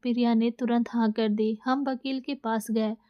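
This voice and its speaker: Woman reading a story with a fairly high voice. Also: fairly even intonation, measured pace, clean tone, highs cut off. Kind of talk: scripted narration.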